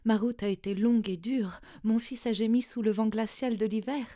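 Tired poor mom pleading softly, dark mellow voice, lady reading it out, storybook. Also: on the high side, fairly even intonation, normal speed, lightly acted. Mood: weary relief. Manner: soft, imploring. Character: poor young mother, weary and pleading.

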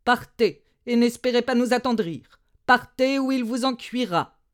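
A woman's voice: fairly high pitch, measured pace, close to an everyday voice. Woman doing a curt, disdainful male servant. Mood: dismissive. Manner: curt, dismissive.

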